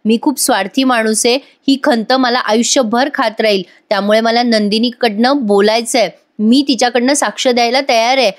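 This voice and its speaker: A woman's voice: fairly high pitch, steady tone, normal speed, few pauses, natural voice. Woman reciting guilty young father, pleading, apologetic, light voice. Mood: remorseful. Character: remorseful young father, pleading and self-reproaching.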